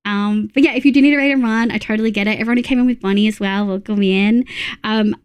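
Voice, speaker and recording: A woman's voice: mid-range voice, steady tone, fast talker, smooth. A young Australian woman chatting casually on a livestream, greeting viewers in a cute, bubbly anime-streamer manner. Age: young adult. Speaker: VTuber streamer.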